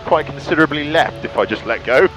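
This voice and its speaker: The steady drone of a light aircraft engine fills this poor-quality audio as a student pilot, vlogging in flight, keeps up a casual running commentary to himself in the small cockpit. His voice is on the high side.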